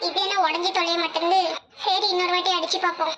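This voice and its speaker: A woman's voice: very high-pitched, flat delivery, fast talker, heavy background noise. A woman voicing a scatterbrained, talkative woman in a cartoon, speaking with a Tirunelveli Tamil accent. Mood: grumbling.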